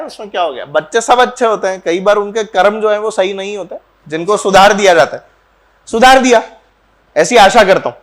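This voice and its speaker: A physics teacher talking warmly and jokingly to his students at the end of a course in a classroom, mixing in English phrases. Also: high-pitched. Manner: chatty and teasing, mixing Hindi with English phrases. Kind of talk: farewell talk to a class.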